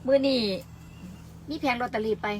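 A woman's voice: fairly high pitch, steady tone, normal speed. An older woman with an Isan accent hosts a rambling, folksy livestream and calls her viewers her children. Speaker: livestream host. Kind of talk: casual livestream chat. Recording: loud road and car noise. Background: car noise.

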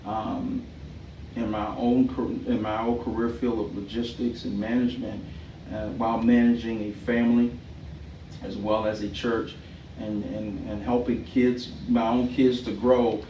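A middle-aged man giving a thesis defense presentation in a hesitant, halting way, often rephrasing himself. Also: lowish voice, level tone, dark tone. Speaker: doctoral candidate and pastor. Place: small indoor meeting room. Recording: roomy, distant mic with background noise.

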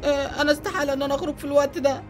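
High, fast-talking Egyptian woman. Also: fairly even intonation, a little mellow, faint music behind. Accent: Egyptian Arabic. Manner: panicky, rapid exclamations. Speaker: Roblox story narrator. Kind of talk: Roblox story voice acting.

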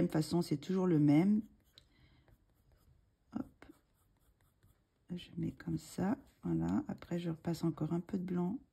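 A woman with a low, husky, mellow voice and noticeable vocal fry hosts a coloring tutorial. She talks casually and hesitantly as she draws, full of fillers and restarts, murmuring asides while she works, with a slight frog in her throat.

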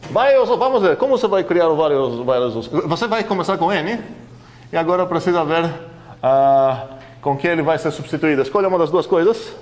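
A man's voice: a little high, animated, fairly quick. A man lecturing a university class in a conversational way, questioning the students often, with many fillers.

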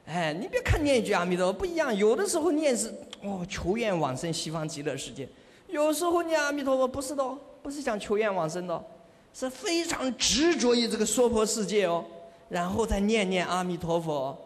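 A man giving a Buddhist sermon as a monk, telling lively stories with rhetorical questions and self-confession. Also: high voice, a little fast. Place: monastery hall. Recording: long hall reverb.

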